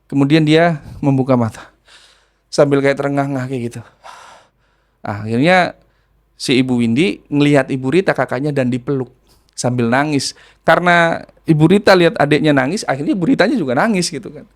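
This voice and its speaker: A man's voice: mid-range voice, a little fast, pauses often. Man acting out the voices in his story. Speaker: ruqyah practitioner telling a story. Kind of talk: casual storytelling.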